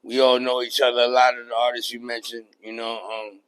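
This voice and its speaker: A middle-aged man, a rapper and producer talking through his career as a podcast guest, relaxed and full of "you know what I mean.". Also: medium pitch, a little fast, smooth, low-quality recording. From New York. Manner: laid-back, many fillers like "you know what I mean". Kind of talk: casual interview chat.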